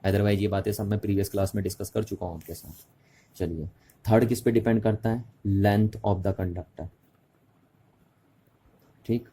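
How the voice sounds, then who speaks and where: A man gives a classroom physics lecture. His voice sits low and has a slightly husky, mellow tone. He talks patiently, repeats the important terms and keeps checking that the students understand. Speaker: physics teacher. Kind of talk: classroom lecture mixing Hindi and English.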